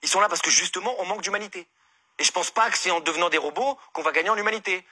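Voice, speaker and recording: French male comic, fast husky delivery, indignant ranting column. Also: high voice, bright, forceful tone. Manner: exasperated ranting, mock outrage. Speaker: comedian giving a humor column. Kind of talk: comic monologue.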